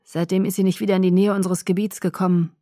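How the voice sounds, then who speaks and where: A woman's voice: mid-range voice, level tone, quick pace, mellow, no echo, studio quality, close to an everyday voice. A woman voicing a hot-tempered young man who barely holds back his rage, speaking in tense, clipped bursts. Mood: reporting.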